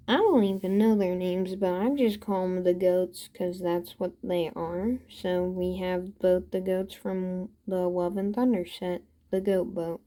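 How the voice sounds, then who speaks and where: A woman hosting a toy-building channel, walking through her builds in a casual show-and-tell with relaxed, unsure asides. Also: mid-range voice.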